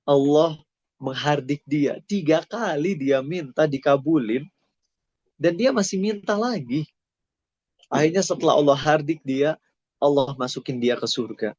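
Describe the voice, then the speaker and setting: A man's voice: on the high side, measured pace, darkish tone, slightly rough, dry recording, muffled recording. A male Islamic preacher giving a casual sermon to students, chatty and friendly, slipping English phrases into his talk.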